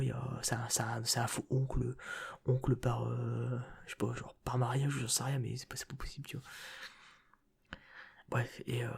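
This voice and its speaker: Husky whispering young man, slangy. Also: mid-range voice. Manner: slangy, rambling, full of fillers; soft whispering close to the mic. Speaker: ASMR creator. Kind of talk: whispered ASMR storytelling.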